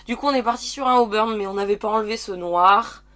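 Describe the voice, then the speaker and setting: A woman's voice: medium pitch, fast talker, fairly bright tone. A woman in her early thirties recovering from illness, chatting casually and rambling with sighs while doing her makeup in a dressing room at home. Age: 30s. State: recovering from covid, slightly croaky. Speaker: beauty vlogger. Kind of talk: casual makeup tutorial chat.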